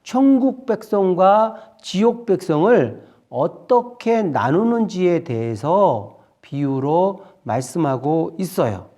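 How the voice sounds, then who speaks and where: A man giving a children's sermon, telling a Bible story in an expressive way and speaking to the kids as friends. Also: high voice, slow pace, few pauses. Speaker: children's ministry preacher.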